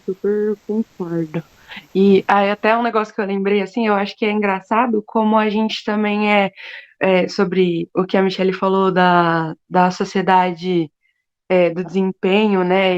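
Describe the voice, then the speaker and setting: A Brazilian teenage girl chats informally, with lots of fillers. Her voice sits at a middling pitch. The sound is muffled and lo-fi, like a video call. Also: dry recording. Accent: Brazilian Portuguese. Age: teens. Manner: chatty, informal, full of fillers. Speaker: study group participant. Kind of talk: casual discussion. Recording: dull lo-fi video call audio.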